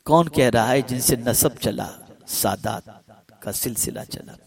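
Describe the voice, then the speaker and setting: A man preaching a religious sermon. He stretches some phrases out slowly and builds others to loud, fervent peaks. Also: mid-range voice, gravelly. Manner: swells from slow, drawn-out phrases to loud impassioned peaks.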